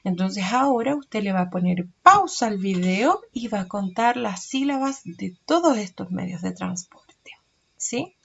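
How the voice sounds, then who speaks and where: A woman, teaching a recorded lesson to young children, slow and patient, stretching out words and checking in often. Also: mid-range voice, animated, gravelly, fairly bright tone, breathy edge. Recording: dull lo-fi recording.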